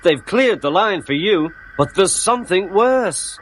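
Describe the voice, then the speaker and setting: A man's voice: mid-range voice, sing-song, unhurried, fairly bright tone, a little hiss or hum. A man voicing a kindly, nervous little tram engine who stammers when frightened, in a storybook tale. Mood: anxious. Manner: stammering, timid.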